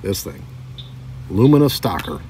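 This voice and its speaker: This deep-voiced man, a diecast collector vlogger, narrates a casual show-and-tell at a measured pace, sounding relaxed and chatty as he reads card backs aloud. He's outside at a table by a lake on a windy day, and the distant mic catches the wind.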